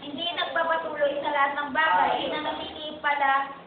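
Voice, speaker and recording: Woman Bible study teacher, high voice, keeps saying "he said", on a tinny, hissy chapel recording. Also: flat delivery, a little fast, a crowd in the background. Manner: keeps repeating "sabi niya" while retelling a preacher's points. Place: chapel hall. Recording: tinny, echoey, distant lo-fi hall recording.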